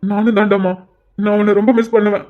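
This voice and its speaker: A man voicing a gentle, protective older brother who soothes his tearful sister in a cartoon. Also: sits high, level tone, quick pace, dull audio, lightly acted. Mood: soothing. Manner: soothing, reassuring. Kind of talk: Tamil cartoon voice acting.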